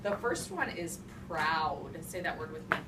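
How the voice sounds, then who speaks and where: Her low voice has lively intonation and a measured pace as this woman teacher reads aloud to young children and directs them, using simple repeated phrases and key words given emphasis. A distant microphone records the echoey, noisy classroom, where children talk over the room noise.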